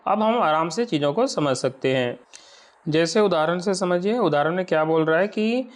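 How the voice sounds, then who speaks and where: A man teaching an exam-prep lesson, explaining step by step and often asking whether the point is clear. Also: high voice, expressive. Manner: explains slowly, checks understanding with rhetorical questions.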